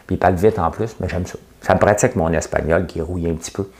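A middle-aged man with a Québécois French accent talks straight to his audience in a loose, rambling monologue. His voice sits very low, and he keeps it chatty and sarcastic, poking fun at himself between points. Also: fairly even intonation, fast talker, darkish tone. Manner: chatty, sarcastic, jokes at his own expense, frequent "tu sais". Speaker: host of a daily commentary show. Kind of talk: casual opinionated monologue.

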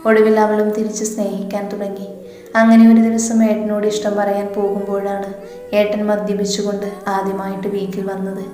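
A woman voicing a playful, teasing young woman in a read-aloud love story, speaking in an even, level tone. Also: mid-range voice, brisk, natural voice. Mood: earnest. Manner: teasing, coaxing. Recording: echoey room with long reverb.

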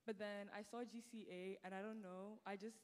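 This student guest is a Nigerian teen with a British-tinged accent, chatting on a church stage through a handheld mic and using "like" constantly. She talks fairly quickly at medium pitch with fairly even intonation, while the large hall produces a long reverb.

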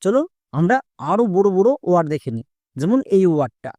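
A woman teaching English pronunciation, spelling words letter by letter and asking students whether it is clear. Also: on the low side, very animated, quick pace, mellow, dry recording. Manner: patient, spells words letter by letter, asks checking questions. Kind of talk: spoken lesson for students.

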